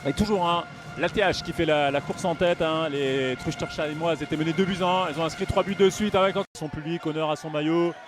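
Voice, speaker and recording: Halting man in excited sports commentary, fairly high-voiced. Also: over music. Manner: halting, hesitant phrasing with many breaks. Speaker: handball commentator.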